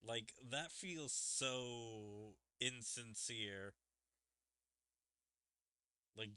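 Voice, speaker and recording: A man's voice: lowish voice, sharp tone, clean tone, no room sound. A man reacting to a video in a casual, rambling way, filling his speech with "like". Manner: rambling, lots of "like" fillers. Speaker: reaction streamer.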